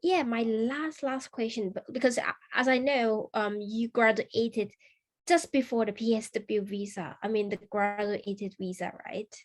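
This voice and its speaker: Halting woman interviewer, rather high voice. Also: steady tone. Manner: halting, repeats words while phrasing questions. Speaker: interview host. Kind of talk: casual interview.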